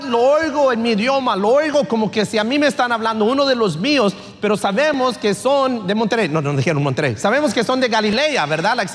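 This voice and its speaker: Texan male pastor, high voice, chatty jokey sermon with English asides, church echo. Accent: Texas Spanish. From Texas. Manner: casual, joking, slips into English phrases; reads scripture aloud, then explains it. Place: church sanctuary. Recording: long reverb of a church hall.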